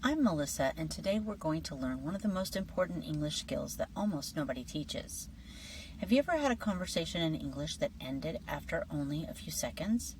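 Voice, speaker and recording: A woman with a low, deep voice teaches an English lesson in a friendly, scripted way. Her delivery is lively but slips into soft, breathy whispers at times. She sits a little back from the microphone, with faint background noise. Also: fairly quick, distant mic, low-quality recording.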